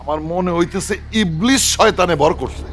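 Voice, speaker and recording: An actor playing a brash, sly and persuasive fixer in a film drama. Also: male voice, high-pitched, moderate pace, a little hiss or hum, close to an everyday voice. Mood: indignant.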